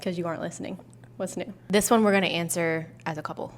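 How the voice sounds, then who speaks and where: Young woman, podcast co-host, playful mock-dramatic teasing, somewhat low pitch. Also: fairly even intonation, fast talker. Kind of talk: casual couple chat.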